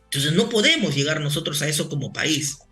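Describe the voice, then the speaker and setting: A man with a high-pitched, bright and tense voice argues as a guest in a broadcast debate. He is formal and argumentative, often repeating his phrases, with faint music behind him. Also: lively intonation, a little fast. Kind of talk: live broadcast political debate.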